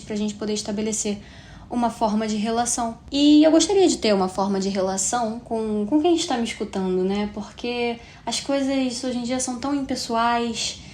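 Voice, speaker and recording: A woman's voice: fairly high pitch, darkish tone. A woman in her twenties from Rio de Janeiro with a Carioca accent, hosting a solo podcast in a chatty, reflective way. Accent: Carioca Brazilian Portuguese. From Rio de Janeiro, Brazil. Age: 20s. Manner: chatty and reflective, frequent tag questions. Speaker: podcast host. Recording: roomy echo with faint hiss.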